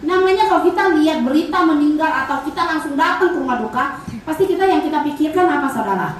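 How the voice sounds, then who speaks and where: A woman's voice: high voice, fast. A woman giving a conversational church testimony, telling family stories and speaking straight to the congregation. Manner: lively storytelling, acting out family dialogues; keeps addressing the congregation directly. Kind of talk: conversational sermon with storytelling. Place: large church hall. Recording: very echoey hall, mic far off, faint noise.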